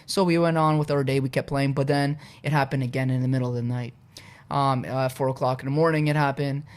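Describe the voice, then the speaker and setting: A man's voice: medium pitch, quick pace, clean tone. Polish-born man telling his story. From Poland. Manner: relaxed, frequent "uh" and "you know" fillers. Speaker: podcast guest. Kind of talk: casual conversational storytelling.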